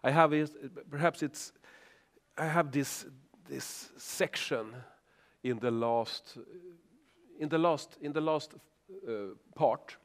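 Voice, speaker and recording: A man's voice: fairly high pitch, slow. A man interviewing an author, speaking hesitantly and often restarting his sentences. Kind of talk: live talk interview.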